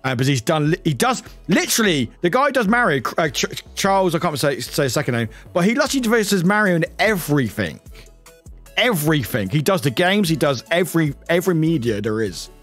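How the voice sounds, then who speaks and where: A streamer reacting to a trailer live, excitable and scattered, swearing freely and interrupting himself. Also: male voice, fairly high pitch, fairly quick, soft background music.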